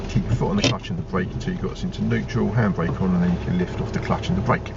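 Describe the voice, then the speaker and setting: Low-voiced, gravelly male driving instructor. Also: fairly even intonation, racing. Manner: patient, encouraging driving instructor. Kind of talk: driving lesson, step-by-step spoken instruction. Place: inside a moving car. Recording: muffled, loud car engine noise, distant mic.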